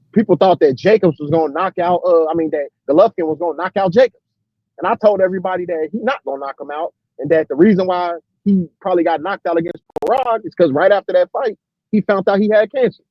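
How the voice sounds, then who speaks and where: A man's voice: a little high, dry recording. A man calling in to a casual sports debate over choppy, breaking-up call audio, rambling and leaning on fillers. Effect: breaking-up online call audio. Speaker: panelist calling in. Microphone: remote call mic. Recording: muffled, dry call line.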